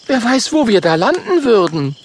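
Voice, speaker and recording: A man's voice: high voice, sing-song, moderate pace, slight background noise, pitched above the performer's own voice. A man voicing a sensible young female porcupine in a children's audiobook, matter-of-fact and corrective. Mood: know-it-all.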